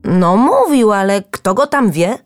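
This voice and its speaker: Squeaky mischievous talking stones, high and jeering, storybook critters, a woman doing the voices. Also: expressive, measured pace, music in the background. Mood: flustered. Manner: teasing, jeering. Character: mocking little living stones, a cheeky group.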